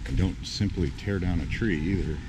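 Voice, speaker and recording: Deep-voiced man on a walking tour. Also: normal speed. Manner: relaxed, offhand, joking asides. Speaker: travel vlogger. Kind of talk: casual walking tour commentary. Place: outdoors on city streets. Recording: outdoor camera audio with traffic noise. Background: street traffic noise.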